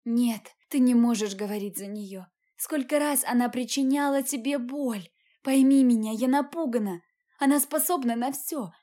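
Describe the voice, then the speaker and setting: A woman's voice: on the high side, normal speed, mellow, lightly acted. A woman voicing Katya, a frightened, tearful young woman who speaks in a strained, pleading way in an audiobook.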